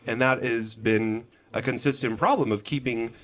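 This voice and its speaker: A man hosting a local radio interview program, asking his guest questions in a relaxed, conversational way. His pitch is ordinary for a man, and he often restarts his sentences mid-question. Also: normal speed. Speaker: radio show host.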